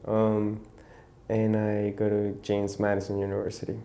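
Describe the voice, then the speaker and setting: A young man from Mexico, a university student, introducing himself in a plain, measured way in a documentary interview. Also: lowish voice, completely flat delivery, warm tone, slight background noise. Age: young adult.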